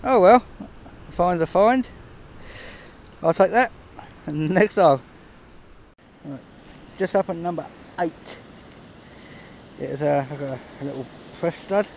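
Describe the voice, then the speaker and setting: A man's voice: a little high, takes it slowly, pauses often, a little mellow, a little hiss or hum. A man giving casual running commentary while metal detecting on a pebble beach, chatty and understated, chuckling between finds, recorded on a handheld camera outdoors. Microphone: camera held close, filming his hands.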